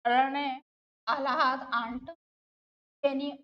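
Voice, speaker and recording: High-voiced woman teaching slowly. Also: little pitch movement, muffled recording. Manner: explains slowly, repeating terms and asking questions of the class. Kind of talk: exam-prep grammar lesson.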